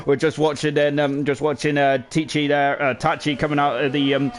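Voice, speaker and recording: A man's voice: on the high side, flat delivery, a little fast. A man giving rambling, self-deprecating live commentary on a sim racing stream, full of fillers. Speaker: race commentator.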